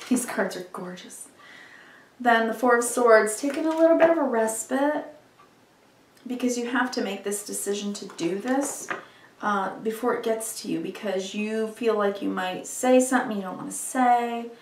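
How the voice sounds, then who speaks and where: A woman hosting a mystical tarot horoscope reading, guiding the listener in a soothing, unhurried way. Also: a little high. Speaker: tarot reader and channel host. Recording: roomy, distant mic with background noise.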